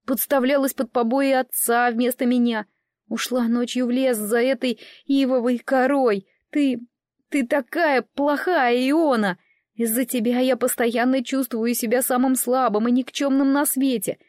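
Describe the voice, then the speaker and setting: A woman's voice: sits high, fairly even intonation, measured pace, a little mellow, no echo, studio quality. A woman reading an audiobook, voicing a frightened, tearful young boy with a trembling voice. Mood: upset.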